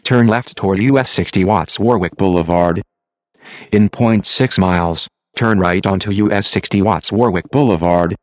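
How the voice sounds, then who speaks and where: Male GPS voice, synthetic, lowish pitch, very dry sound, flat measured delivery, driving directions. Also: no echo. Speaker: GPS navigation voice.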